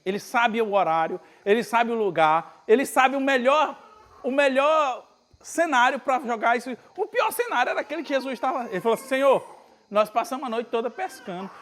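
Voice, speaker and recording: A male pastor with a northeastern Brazilian accent preaching a conversational sermon at a retreat, acting out Bible scenes with lively everyday speech. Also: very high-pitched. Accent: Brazilian Portuguese, northeastern.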